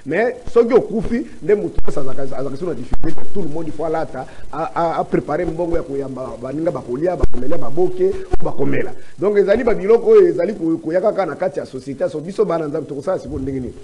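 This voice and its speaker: A man with a Congolese accent giving preachy commentary on church life in a studio discussion. He quotes scripture and lectures at length, with halting restarts. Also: fairly high pitch, expressive, mellow, slight background noise. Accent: Congolese French.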